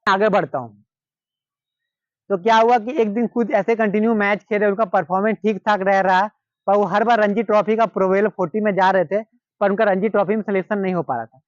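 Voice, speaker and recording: Brief: Indian man, high voice, casual storyteller who repeats himself; dry, dull lo-fi sound. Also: fairly even intonation, a little fast, no echo. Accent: Hindi-speaking Indian. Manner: repetitive, conversational retelling with quoted dialogue. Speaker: cricket storyteller.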